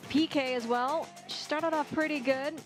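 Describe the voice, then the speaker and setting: A woman's voice: sits high, steady tone, moderate pace, music in the background. A woman giving live golf analysis as a co-commentator.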